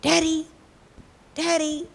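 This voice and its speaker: A woman voicing a scared little girl in a bomb shelter, calling out in a high, pleading voice. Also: expressive, moderate pace, a little mellow, husky. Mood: anxious.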